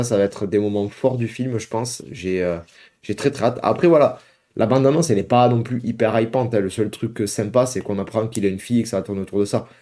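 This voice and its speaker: A man's voice: fairly low pitch, mellow. A young man hosting a casual reaction video at home, chatting to his viewers with lots of hesitations and filler words. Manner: chatty, many hesitations, addresses viewers as "guys".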